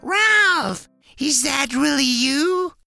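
A woman voicing a frail, secretive elderly mother rat with a raspy, hushed voice. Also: high voice, animated, drawn-out words, faint music behind, pitched above the performer's own voice, heavily acted. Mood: tender. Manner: hushed, urgent whispering.

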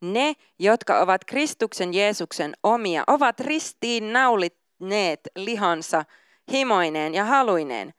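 A woman's voice: medium pitch, lively intonation, a bit bright, clear, resonant tone, no echo, clean studio sound. A woman pastor giving a sermon, reading scripture aloud and then talking casually and informally.

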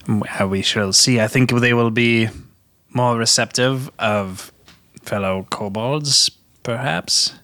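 Guy player in a tabletop rpg, talks in character, kinda formal n halting, medium pitch. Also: sharp tone. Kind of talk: in-character tabletop role-play.

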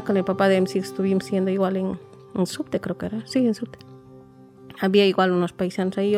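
A woman, recalling her life in a soft, reflective, halting way. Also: mid-range voice. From Bolivia. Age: 40s. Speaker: interviewee. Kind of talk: personal storytelling interview.

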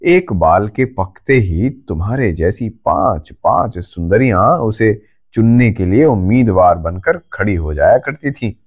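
A man voicing a jovial, teasing old bald grandfather in a storybook reading, slow and playful. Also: lowish voice, exaggerated voice.

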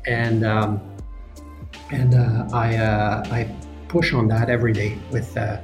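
A man's voice: fairly low pitch, level tone, slow, music in the background. A man in his fifties, a company executive being interviewed on a podcast, speaking earnestly and passionately, often restarting his sentences.

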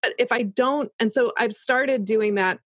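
A woman's voice: a little high, unhurried, slightly rough, no room sound, clean studio sound. A woman in casual, explanatory conversation, talking through examples as if voicing her own thoughts.

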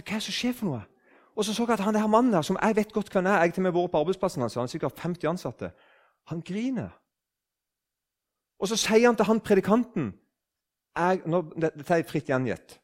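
A man in his sixties from southern Norway, telling a story in a conversational way, often restarting his sentences. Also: a little high. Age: 60s. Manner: animated, restarts sentences, acts out quoted speech. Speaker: speaker on faith.

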